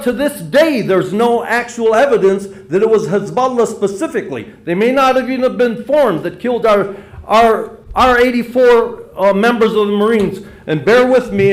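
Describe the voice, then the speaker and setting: A man in his seventies from Michigan, giving a rambling, insistent public comment at a city council meeting. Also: high voice. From Dearborn, Michigan. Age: 70s. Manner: rambling, insistent, repeats "and so forth".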